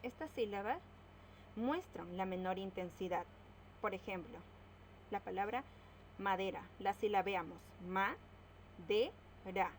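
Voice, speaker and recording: A woman's voice: medium pitch, low-quality recording. Lady teacher going over grammar, drags out syllables, little bit of noise behind. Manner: slow, stresses syllables while spelling words out. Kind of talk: explaining a grammar lesson.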